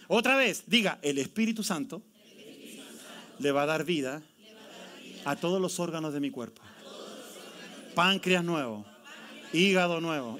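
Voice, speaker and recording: A man preaching in church with a high, bright, ringing voice. He leads the congregation through scripture with lively, urgent energy, calling on them to repeat the verses aloud. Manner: lively preaching, calls on the congregation to read along. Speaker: pastor. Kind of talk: sermon.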